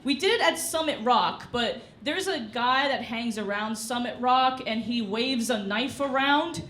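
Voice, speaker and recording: A woman's voice: on the high side, a little slow, a bit bright. A young woman performing a stand-up comedy set on a club stage, chatty, with lots of "you know" asides. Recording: echoey club with audience noise. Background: live audience laughter.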